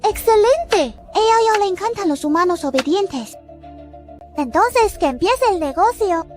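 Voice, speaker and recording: A little anime demon girl with an extremely high voice. She is sugary and cutesy, hiding a deadly streak. Music plays faintly behind her. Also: animated, a little slow, a little mellow. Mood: sweetly menacing. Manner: cutesy, refers to herself by name. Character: sweet innocent-seeming little demon girl, secretly deadly.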